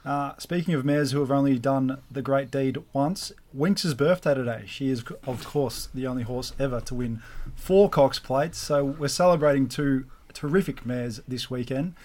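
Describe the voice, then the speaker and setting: A man's voice: mid-range voice, moderate pace, darkish tone. A young Australian man hosting a racing podcast, casual and cheeky in banter with his co-host. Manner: cheeky, teasing, laid-back banter.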